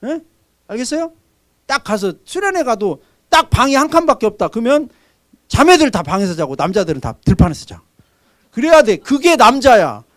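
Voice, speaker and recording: A middle-aged man preaches a sermon in a high, very animated voice. He pushes up into loud, emphatic exhortation, then drops into quiet, almost muttered asides. The sound is close and dry, with no room echo. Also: normal speed. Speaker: pastor.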